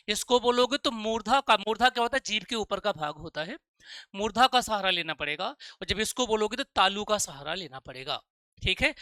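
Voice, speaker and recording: Bright, crisp-voiced man teaching a class. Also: high voice, no echo, clean studio sound. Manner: repeats 'okay?' to check students follow; calls students 'children' and 'dear'. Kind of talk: live online exam-prep lecture.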